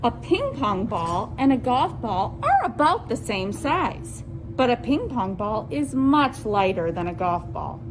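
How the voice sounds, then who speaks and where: A woman hosts a children's science storytime, reading deliberately and asking young listeners simple questions as if they were friends. Her voice is a little high and very animated, with background noise.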